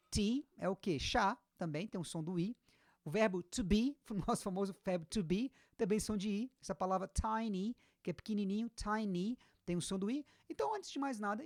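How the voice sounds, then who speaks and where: A woman with a Brazilian accent giving a casual online English lesson, explaining patiently and repeating example words slowly. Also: mid-range voice, a little mellow, dry recording, clean studio sound. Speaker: English teacher.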